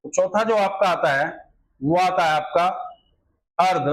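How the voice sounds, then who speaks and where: Male grammar teacher, high-pitched, exam-prep lesson, repetitive rhetorical style. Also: measured pace, low-quality recording. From India. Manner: repetitive filler phrases, rhetorical questions to students.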